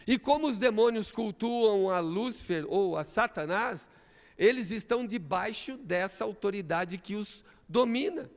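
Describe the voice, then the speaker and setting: A male pastor preaching a sermon in a church, emphatic and building to shouts. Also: high-pitched, a little slow. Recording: echoey church hall.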